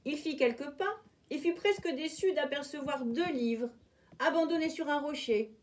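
A woman librarian reading a children's story aloud at home, expressive and dramatic. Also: high-pitched, normal speed.

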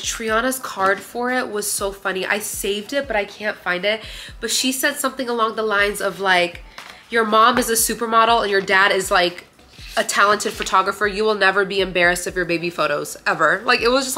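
A woman's voice: mid-range voice, pushed and bright. A young woman from Romania talking to her viewers in a casual haul video, chatty and gushing, filler words everywhere, recorded in a living room on a camera in front of her. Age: young adult. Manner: gushing, chatty, says "like" a lot. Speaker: vlogger. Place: bright living room indoors.

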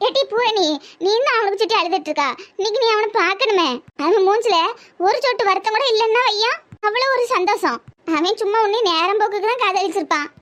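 A voice artist doing a very high blunt old granny. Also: brisk, a bit bright. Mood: scolding. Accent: Tirunelveli Tamil. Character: elderly village grandmother, blunt and scolding. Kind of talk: cartoon comedy voice acting.

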